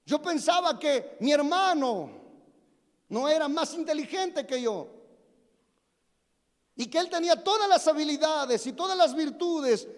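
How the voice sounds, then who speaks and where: A man's voice: very high voice, animated, a little slow, long pauses. A pastor in his forties preaching a sermon, telling humorous stories about himself and asking the congregation questions. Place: church sanctuary. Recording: long reverb of a church hall.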